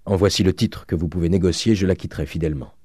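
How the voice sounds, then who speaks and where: A man voicing an earnest, honorable young man who speaks steadily and gravely. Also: low voice, quick pace, dark tone, no room sound, studio quality.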